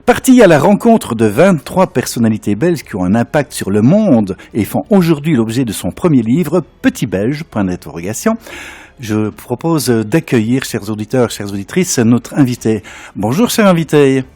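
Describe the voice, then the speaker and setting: Radio host, male. Mellow, husky timbre, halting conversational questions. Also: mid-range voice, big pitch swings. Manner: hesitant, drawn-out questions, echoes answers.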